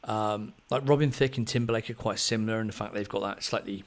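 A man hosting a podcast, chatting about music in a relaxed, thoughtful way with plenty of ums. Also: on the low side, quick pace. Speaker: podcast host. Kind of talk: casual music chat.

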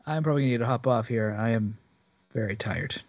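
A man co-hosting a podcast, talking in a relaxed, easygoing way. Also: medium pitch, quick pace, no echo. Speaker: podcast co-host. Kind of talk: casual chat. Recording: dull, dry mic.

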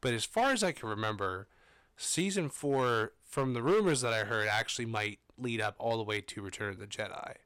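A man with a clear, smooth voice at a middle pitch, recorded dry and close. He talks like a podcast co-host in casual fan conversation, rambling through asides. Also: expressive, normal speed, fairly bright tone, dry recording. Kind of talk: casual film and TV fan chat.

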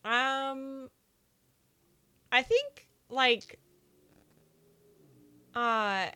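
A woman's voice: sits high, very slow, bright, forceful tone, clean tone. A young woman co-hosting a casual movie podcast, chatty and full of "like" fillers.

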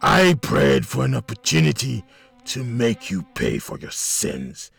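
A man voicing a menacing male villain with a gravelly voice and slow, taunting delivery. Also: on the high side, no echo, exaggerated voice.

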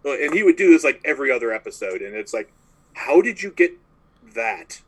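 A man's voice: medium pitch, very animated, fairly quick, low-quality recording. Wry podcast co-host man. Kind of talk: casual chat.

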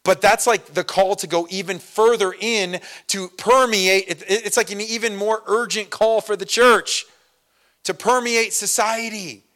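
A man delivering a sermon in a slightly high voice, talking like he's chatting with friends. He swings between punchy, emphatic lines and quiet, offhand stories, full of little asides and fillers. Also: fairly even intonation, a little slow. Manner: conversational preaching, many fillers and asides; swings from loud emphasis to soft storytelling. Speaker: pastor.

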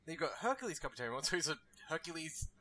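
Casual co-host, male, high and bright, playful and jokey. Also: big pitch swings. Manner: playful, jokey, does quick voice impressions. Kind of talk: casual chat.

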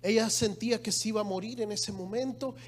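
A man's voice: sits high, fairly even intonation, brisk. A middle-aged male pastor giving a conversational sermon with emphatic rises in his voice.

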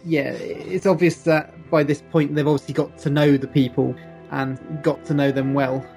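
Rambly man, a bit higher voice. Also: little pitch movement, moderate pace, creaky, a little mellow, soft background music. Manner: rambling, lots of "it's just like". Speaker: commentator reacting to a TV show. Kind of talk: casual chat.

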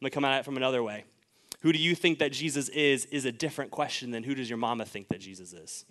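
A man's voice: mid-range voice, quick pace, a bit bright. A young man preaching a sermon in a church, driving home his point with repeated rhetorical questions. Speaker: pastor. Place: church sanctuary.

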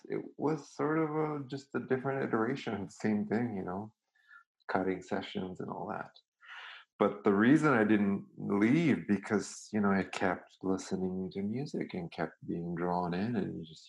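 Gravelly low-voiced man. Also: darkish tone, poor audio. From Serbia. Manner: thoughtful, searching for words, frequent restarts. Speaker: guest musician. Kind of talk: reflective casual conversation.

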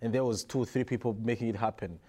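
A man's voice: mid-range voice, fast talker, slightly rough. Man from Rwanda telling stories. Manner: relaxed storytelling with frequent restarts and soft laughs. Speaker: guest. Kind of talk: casual interview conversation.

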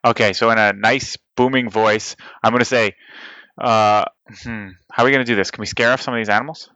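A man plays a tabletop game, chatting casually and eagerly declaring his moves. His voice is bright and forceful, mid-pitched, on slightly dull, dry audio. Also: steady tone, a little fast, no room sound. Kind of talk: casual, animated game talk.

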